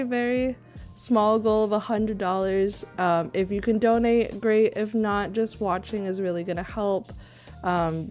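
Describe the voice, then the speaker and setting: A woman streamer chatting casually with a congested, worn-out voice, soft-spoken and full of ums. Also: mid-range voice. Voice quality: hoarse, voice worn out. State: congested, stuffed up. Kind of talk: casual livestream chat. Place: home room. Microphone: desk mic.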